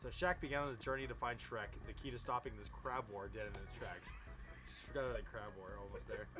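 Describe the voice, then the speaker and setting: This is a quick-paced man with a mid-range voice, reading fan fiction aloud as if it were a storybook. Amused and incredulous, he tends to pause for his own commentary while music plays behind him.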